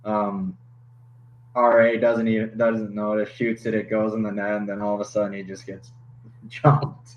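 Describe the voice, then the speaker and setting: Laid-back young goalie, low voice. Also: male voice, level tone. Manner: laid-back, laughs often, halting restarts. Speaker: hockey goalie guest. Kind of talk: casual podcast chat. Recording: slightly dull podcast audio with faint noise.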